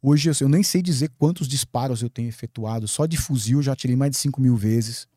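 A man from Brazil, a guest on a podcast, telling a story in a lively way. He swears freely and acts out his own past words. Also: mid-range voice, a little fast, no room sound, clean studio sound. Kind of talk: animated storytelling in a podcast interview.

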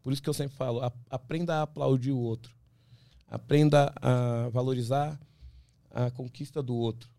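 A man, an ultramarathon runner from Brazil, talking as a podcast guest, animated and full of restarts, acting out what others say. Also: medium pitch, normal speed, gravelly, no room sound, clean studio sound. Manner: animated storyteller, many restarts, acts out quoted voices. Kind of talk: casual interview talk.

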